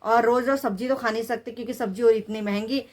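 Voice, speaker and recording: A young woman vlogs from her kitchen at home, casually telling the camera about her day and her little son as she does housework. She talks quickly in a fairly high voice with fairly even intonation.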